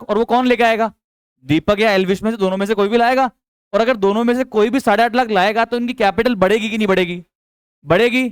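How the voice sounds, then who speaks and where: A man's voice: high voice, clean tone, no echo. A young man teaching accountancy in a chatty, coaxing lecture, quizzing students with repeated questions and mixing in English terms. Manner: mixes English terms into speech. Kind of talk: classroom lecture.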